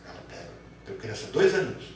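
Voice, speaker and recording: A man giving a psychology lecture to a class, lively and acting out children's voices as examples. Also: on the low side, quick pace. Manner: animated, acts out children's voices. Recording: echoey room, mic far off, faint noise.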